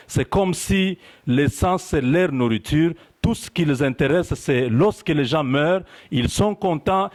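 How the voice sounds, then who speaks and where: A man from Congo giving an impassioned political address to his compatriots, halting with fillers at first, then building to emphatic, repeated declarations. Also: fairly high pitch. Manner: fervent, building to raised emphatic repetition; halting with frequent fillers at the start. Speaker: diaspora political representative.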